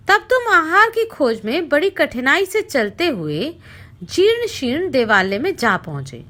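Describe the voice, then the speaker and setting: A woman narrates a scripture story aloud, reciting expressively, and her voice drops low whenever she addresses the king.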